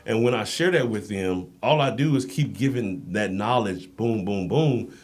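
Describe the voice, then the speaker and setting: An American podcast guest, a Marine who works as an endurance coach, talks at a normal speed in a fairly low voice. It's casual, anecdotal interview talk, and he brings his stories to life by acting out the dialogue.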